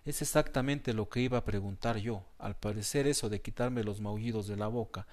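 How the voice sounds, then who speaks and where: A man's voice: on the low side, brisk, a little mellow, close to an everyday voice. A man voicing a pompous male cat who trips over long words and grumbles at being interrupted. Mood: huffy.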